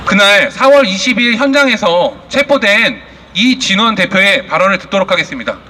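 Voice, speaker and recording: A man's voice: high-pitched, animated, normal speed, a little hiss or hum. A man giving a fiery, indignant protest speech as the moderator of a rally, accusing and throwing out rhetorical questions. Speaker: rally speaker and press conference moderator. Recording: loud public address with long reverb.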